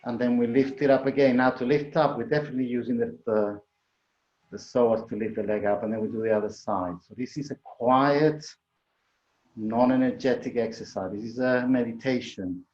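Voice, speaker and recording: A man's voice: medium pitch, fairly even intonation, moderate pace, a little mellow. A man instructing a yoga class in a conversational way, correcting himself as he demonstrates the moves. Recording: echoey room, dull muffled sound.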